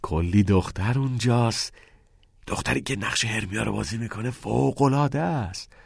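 A man voicing an eager, theatre-mad teenage boy who talks in quick, excited bursts. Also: mid-range voice, no echo, studio quality, voice pushed up, lightly acted. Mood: playful.

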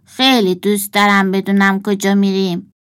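A woman's voice: medium pitch, level tone, clear, resonant tone, lightly acted. A woman voicing a curious little boy in a storybook, speaking eagerly.

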